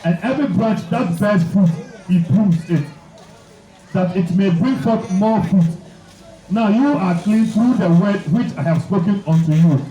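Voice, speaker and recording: A man's voice: high voice, a little slow, warm tone, roomy sound, recorded from a distance, rough recording. A man preaching a sermon, praying blessings and reading scripture aloud with repeated phrases for emphasis.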